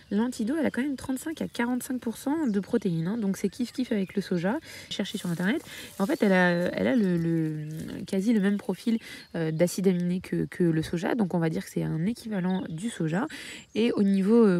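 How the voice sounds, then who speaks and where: A woman's voice: lowish voice, vocal fry, dark tone. A woman from France talking casually about her hens in a homestead vlog, hesitating often with filler sounds. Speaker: backyard poultry keeper.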